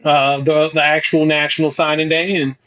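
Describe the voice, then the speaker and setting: A man's voice: fairly high pitch, little pitch movement, normal speed, fairly bright tone, lo-fi sound. A man guest on a sports podcast, giving confident predictions in casual chat.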